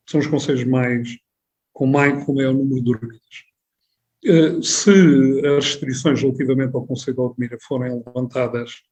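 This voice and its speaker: Speaking in a radio studio as a guest, this Alentejo-born man, president of a regional tourism board, talks at length in his Alentejo accent. He frequently restarts sentences and poses rhetorical questions, and his voice is medium-pitched and slightly mellow.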